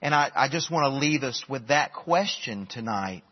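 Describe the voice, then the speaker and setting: A man preaching a sermon, emphatic, moving between loud bursts and hushed lines and often repeating words as he restarts phrases. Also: medium pitch, animated, moderate pace, slightly rough. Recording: dull long-reverb hall sound.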